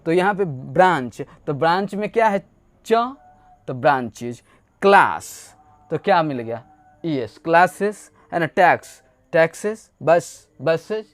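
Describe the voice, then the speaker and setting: A man's voice: on the high side, expressive, slow. Playful man teaching grammar with questions. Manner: playful, asks rhetorical questions, tells little stories. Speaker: English teacher. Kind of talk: explanatory grammar lesson.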